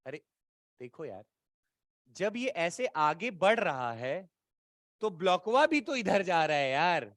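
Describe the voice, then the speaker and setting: A man's voice: high voice, big pitch swings, takes it slowly, fairly bright tone, dry recording. Coaxing male physics teacher, dry sound. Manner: checks in with students often, coaxing and repetitive; colloquial, playful teasing tone. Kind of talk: exam-prep physics lecture.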